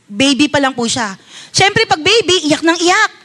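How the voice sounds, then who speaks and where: A woman's voice: high-pitched, big pitch swings, unhurried, bright, forceful tone. A woman pastor with a Filipino accent preaching a sermon, telling a story as a mother and often asking her congregation for agreement. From Philippines. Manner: tells a personal story as a mother.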